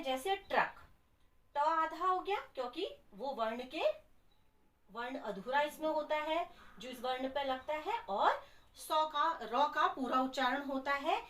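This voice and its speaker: Woman teacher, children's lesson, high voice, echoey room, a bit far from the mic. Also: a bit bright. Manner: slow, spelling out letters and sounds step by step. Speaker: Hindi teacher.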